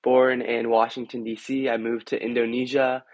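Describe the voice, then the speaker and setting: A man's voice: medium pitch, level tone, normal speed, no room sound, muffled recording. A young man, a student, telling a personal story in an earnest, heartfelt way. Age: young adult. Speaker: student panelist.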